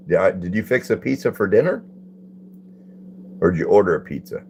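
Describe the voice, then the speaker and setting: Deep-voiced older man chatting on a livestream. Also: expressive, moderate pace, creaky, a little mellow, a little hiss or hum. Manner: folksy, chatty, greets viewers by name. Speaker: livestream host. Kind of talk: casual live-stream chat reading comments.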